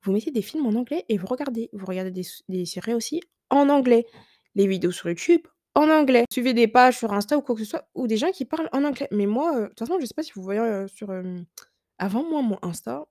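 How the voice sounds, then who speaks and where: A woman's voice: a little high, animated, fast, darkish tone, no room sound, clean studio sound. A young woman from France chatting casually as a podcast host, giving emphatic advice with lots of fillers.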